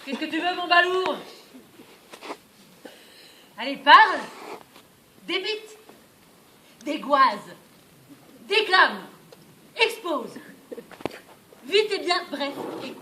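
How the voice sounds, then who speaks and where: A brash, bossy innkeeper played by a woman in a stage comedy, very high in pitch and slow to savour each word. The delivery is hammy, teasing and declamatory, heard in an echoey space. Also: animated, sharp tone, exaggerated voice. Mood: mocking, bossy. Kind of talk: theatrical stage comedy acting. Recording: echoey stage recording, faint noise.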